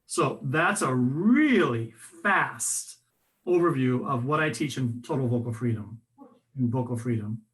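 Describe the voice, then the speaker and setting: A man's voice: medium pitch, a little slow. A man presenting a voice workshop in a conversational, instructive way, often restarting his sentences. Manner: conversational, animated, with frequent restarts and fillers.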